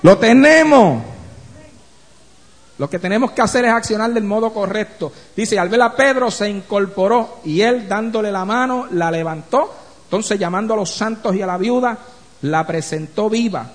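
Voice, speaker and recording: A man's voice: high-pitched, moderate pace, long reverb tail. A male pastor preaching a sermon, blunt in manner, asking rhetorical questions and mimicking complaints. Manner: blunt, self-described as rough in speech.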